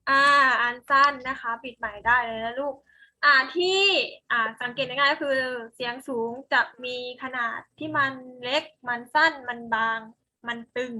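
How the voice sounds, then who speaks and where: High bright-voiced woman teacher. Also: steady tone, moderate pace. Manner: patient, coaxing questions to pupils. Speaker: primary school science teacher. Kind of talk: online class lesson.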